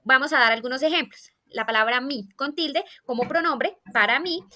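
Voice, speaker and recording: A woman's voice: high-pitched, moderate pace, bright, forceful tone. A woman teaching a primary school grammar lesson, explaining rules step by step with listed examples. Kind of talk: scripted grammar lesson for children.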